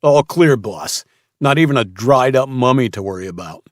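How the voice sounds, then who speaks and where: A man's voice: mid-range voice, expressive, normal speed, no room sound, clean studio sound, voice pushed up, lightly acted. A man voicing a leering, menacing male slaver. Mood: mocking.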